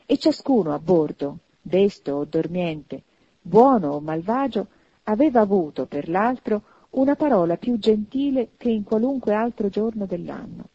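A woman giving an expressive audiobook narration of a classic novel. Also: medium pitch, moderate pace, breathy edge, no echo, muffled recording. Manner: expressive, animated reading.

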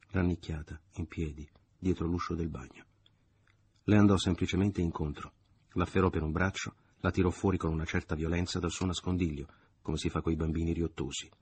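Deep husky male narrator. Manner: steady literary narration. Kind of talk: audiobook reading.

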